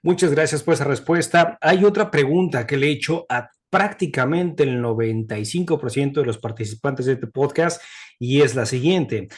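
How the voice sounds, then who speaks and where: Polite male podcast interviewer. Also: mid-range voice. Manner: polite, thanks guest, long framed questions. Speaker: podcast host. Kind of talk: interviewer asking questions.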